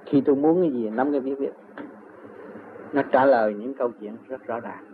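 A man's voice: mid-range voice, a little fast. An older man with a Southern Vietnamese accent, telling long personal stories in an interview and chuckling often as he talks. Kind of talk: rambling personal storytelling. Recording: tinny phone-like recording with faint noise.

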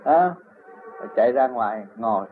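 A man's voice: medium pitch, animated, normal speed. Older Southern Vietnamese man, tinny recording. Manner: chuckles often while telling stories. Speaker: interviewee. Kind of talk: rambling personal storytelling. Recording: tinny phone-like recording with faint noise.

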